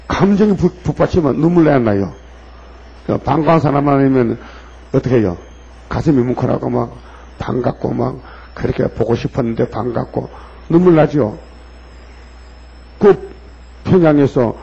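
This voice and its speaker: Emphatic Korean preacher, husky and mellow. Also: male voice, on the high side. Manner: emphatic, asks the listeners pointed questions. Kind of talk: sermon. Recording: dull lo-fi recording.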